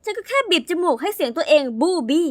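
A young woman narrating her own animated story as its heroine, chatty, dramatic and confiding. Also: extremely high pitch, fast talker, no room sound, clean studio sound.

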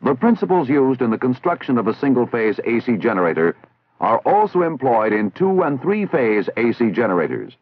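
Medium in pitch with big swings up and down, a vintage American male narrator reads a scripted 1960s military training film. His delivery is formal, measured and instructive, and the audio is tinny and band-limited.

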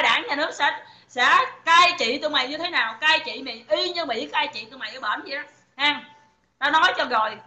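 In a high-pitched, reverberant voice, a woman with a Southern Vietnamese accent goes on an angry livestream rant from her phone. She swears, taunts the people watching, and hurls shouted insults.

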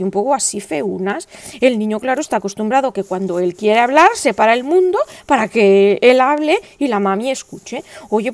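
Woman in her forties, crochet vlogger, gravelly, chatty, rambling. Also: a little high, a little mellow, dry recording. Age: 40s. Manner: chatty, rambling and self-mocking. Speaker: crochet channel host. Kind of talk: casual chat while crocheting.

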